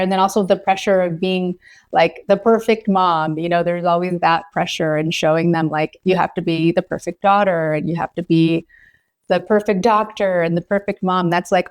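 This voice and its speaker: A woman from Los Angeles in her thirties, a physician guest talking in a casual, hesitant way full of ums, likes and you knows. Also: on the low side. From Los Angeles, California. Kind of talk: casual podcast conversation.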